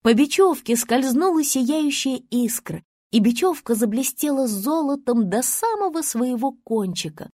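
A woman narrating a children's story in an animated storyteller manner, with a slightly breathy voice. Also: measured pace, few pauses, no echo, clean studio sound. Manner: animated storyteller with big pitch swings. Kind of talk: expressive children's story reading.

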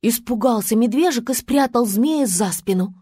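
A woman narrating a children's story in a lively, expressive way. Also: a little high, normal speed, breathy edge, no echo, studio quality. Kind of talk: storybook reading.

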